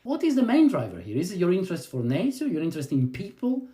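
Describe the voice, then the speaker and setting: A man hosting a podcast, reading a polished introduction in a measured way and then asking interview questions. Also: high voice, huge pitch swings, mellow, breathy edge. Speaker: podcast host.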